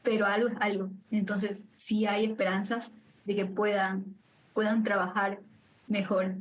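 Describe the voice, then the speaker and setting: A woman from Ecuador, chatting as a podcast guest, laughing often and tossing in lively asides. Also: medium pitch, unhurried, slight background noise, poor audio. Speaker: guest scientist. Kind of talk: casual podcast chat.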